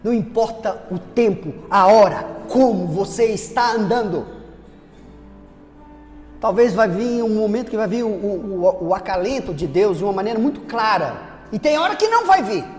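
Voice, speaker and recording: A male pastor with a Brazilian accent preaching a sermon, animated, with rhetorical questions and acted voices. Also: sits high, normal speed. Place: church. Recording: reverberant church hall, faint music.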